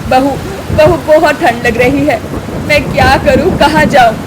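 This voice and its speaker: A woman voicing a meek, gentle old mother-in-law in a storybook tale, speaking softly and pleadingly. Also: sits high, measured pace, background noise. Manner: soft, pleading.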